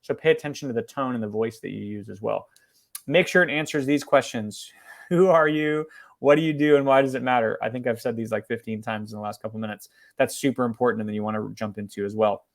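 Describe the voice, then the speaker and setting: A man walks through a business marketing lesson at a quick, energetic clip. He talks casually, full of fillers and restarts, with a voice of middling pitch. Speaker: marketing presenter. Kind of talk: webinar presentation.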